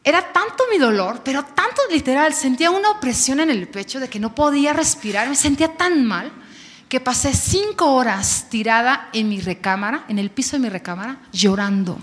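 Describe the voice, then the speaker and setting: A woman's voice: high-pitched, lively intonation, normal speed, fairly bright tone. A Mexican woman in her thirties preaching to young people at a church service, candid and conversational, repeating words for emphasis. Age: 30s. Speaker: youth preacher. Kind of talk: sermon with personal testimony. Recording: long hall reverb.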